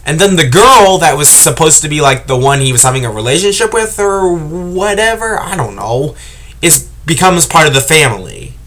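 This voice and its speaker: A man's voice: on the high side, sing-song, moderate pace, a bit bright. A man vlogging to camera, tearful and choked up, rambling and hesitant with many restarts. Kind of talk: emotional casual monologue to camera.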